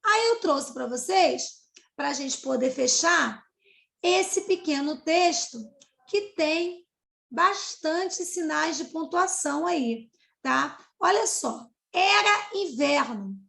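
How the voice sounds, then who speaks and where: A woman's voice: high-pitched, lively intonation, slow, gravelly, fairly bright tone, echoey room. A Brazilian woman teacher giving a recorded video lesson, explaining step by step and checking in with her students. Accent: Brazilian Portuguese.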